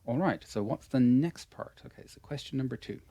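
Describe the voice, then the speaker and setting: Teaching English pronunciation online, an Irishman speaks in a medium-pitched, mellow voice that's animated and brisk. He's patient and supportive, offering the same praise again and again. The recording is dry.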